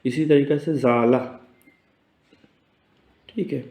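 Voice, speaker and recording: Patient man teaching letters, mellow. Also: mid-range voice, steady tone. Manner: patient, repeats words slowly and checks in with "theek hai". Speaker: Urdu teacher. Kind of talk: casual spoken lesson, explaining letters on a board. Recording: roomy echo.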